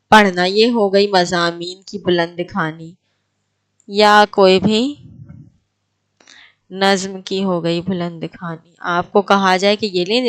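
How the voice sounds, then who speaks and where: A woman teaching an exam prep lecture, asking her class questions and then answering them herself. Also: medium pitch.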